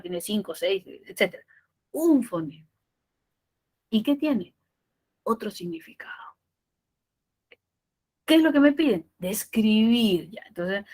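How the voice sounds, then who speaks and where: A woman giving a pre-university language lecture, explaining step by step with rhetorical questions and drawing out key terms slowly. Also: lowish voice. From Peru. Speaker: language teacher.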